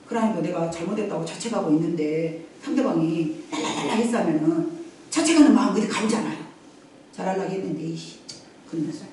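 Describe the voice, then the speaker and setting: A woman's voice: mid-range voice, darkish tone, slight background noise. A woman preaching a sermon in a conversational way, acting out family voices and laughing often. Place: church sanctuary. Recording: echoey church hall from far off.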